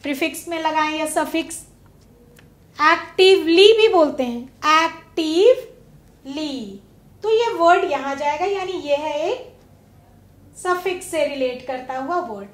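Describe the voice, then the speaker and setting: A woman teacher giving a classroom lesson, drawing out words slowly and putting questions to her pupils. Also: high-pitched, reverberant. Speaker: English teacher. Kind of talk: classroom lesson on prefixes and suffixes. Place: broadcast studio classroom.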